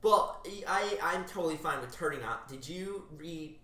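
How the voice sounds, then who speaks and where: A man co-hosting a comedy podcast in casual chat, halting and full of fillers like "like" and "yeah". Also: on the high side, lively intonation, sharp tone, echoey room. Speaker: podcast co-host.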